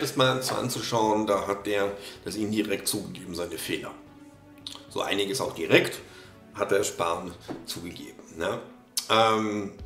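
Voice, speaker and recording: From a desk in a small, echoey room, a man in his thirties with a slight cold reacts casually to a video, full of fillers and restarts. He's a reaction video host, and his voice is fairly low in pitch with a slightly bright tone.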